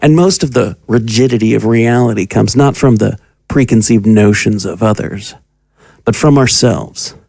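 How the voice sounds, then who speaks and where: A gravelly, slightly mellow man's voice on the low side, delivered at a moderate pace and captured dry in a clean studio. It belongs to an actor cast as a cruel occult magus in an audio drama, a sinister mentor whose commanding, condescending manner toward his pupil feels menacing and mocking.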